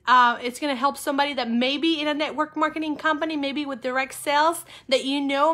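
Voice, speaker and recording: A woman from Peru, a network marketing coach, hosts an informal livestream for her viewers. Her voice is bright and high-pitched with a Peruvian accent, and she's upbeat and emphatic, repeating key phrases.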